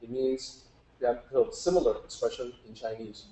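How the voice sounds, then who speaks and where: This mid-range, mellow male voice speaks at a moderate pace over slight background noise. The teacher patiently explains Chinese characters to a group in an informal talk, posing questions along the way, and the live recording is roomy and echoing.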